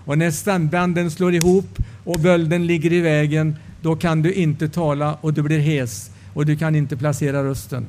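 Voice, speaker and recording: A man's voice: a little high, little pitch movement, few pauses, a little mellow. A male preacher giving a sermon testimony, telling the story and acting out the dialogue.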